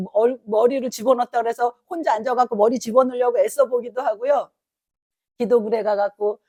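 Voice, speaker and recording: A woman pastor giving a Sunday sermon in a church, preaching in an animated, emphatic way. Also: fairly high pitch. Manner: animated, emphatic preaching that acts out quoted speech. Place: church sanctuary.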